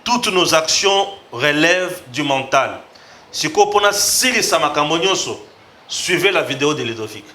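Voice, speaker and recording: Man with a bright voice. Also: a little high, animated, normal speed. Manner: reads tweets aloud and comments, switching between French and Lingala. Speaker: host. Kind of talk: political commentary show.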